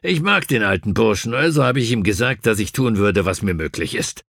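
Narrator doing a cranky old army brigadier, clipped and gruff, raspy low voice, audiobook. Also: male voice, animated, fairly quick, fairly bright tone, no echo, clean studio sound, heavily acted. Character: stiff, irritable older British army officer.

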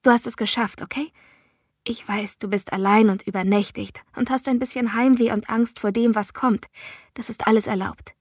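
Female reader doing a forceful, foul-mouthed but caring young friend; high-ish, dry. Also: steady tone, moderate pace, husky, dry recording. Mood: insistent. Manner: forceful, swears, pleading. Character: young woman friend, blunt, fierce, caring.

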